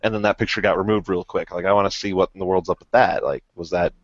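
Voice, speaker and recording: A young man in casual podcast chat, rambling with excited speculation. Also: deep voice, quick pace. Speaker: podcast panelist. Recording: dull lo-fi, dry audio.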